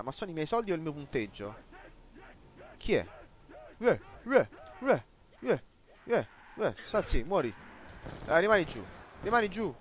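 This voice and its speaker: Young guy as a let's player, wildly animated, jokey, sudden high yelps, faint noise behind. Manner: jokey, talks to the game and viewers, bursts into high yelps. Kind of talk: excited gameplay commentary.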